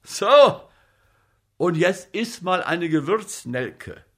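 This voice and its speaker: A man voicing an agitated, boozy male comic actor who fusses loudly over a sick friend. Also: drawn-out words, husky, exaggerated voice. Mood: fussing. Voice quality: loud, excitable, high-pitched.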